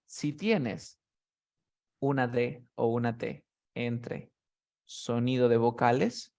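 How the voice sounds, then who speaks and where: Over a video call, a man patiently and methodically teaches English to one student, breaking each rule down step by step and repeatedly checking understanding with phrases like "¿cierto?". His medium-pitched voice is slow, creaky, slightly mellow, and fairly even in intonation.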